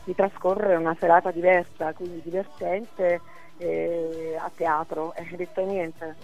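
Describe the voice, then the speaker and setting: A hoarse woman comedian talking by phone on a radio show, chatty and joking. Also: on the low side, level tone, measured pace, a little mellow, faint music behind, poor audio. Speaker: comedian guest.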